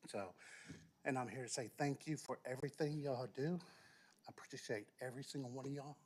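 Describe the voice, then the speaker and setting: A man's voice: medium pitch, fairly quick, darkish tone. A man giving an informal, improvised public comment at a city council meeting, out of breath.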